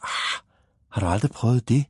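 A man's voice: mid-range voice, animated, breathy edge, dry recording, studio quality. A man voicing a bossy, pert little girl who talks like a know-it-all.

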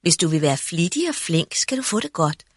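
A man voicing a kindly old woman with a gentle, reassuring way of speaking in a storybook reading. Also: fairly high pitch, very animated, husky, no echo, studio quality, pitched above the performer's own voice.

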